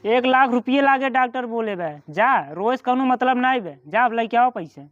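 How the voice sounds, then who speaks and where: A man's voice: very high-pitched, normal speed, narrow, tinny audio. A man with an eastern Uttar Pradesh accent playing a bossy, scheming village brother-in-law in an amateur comedy skit. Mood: scolding.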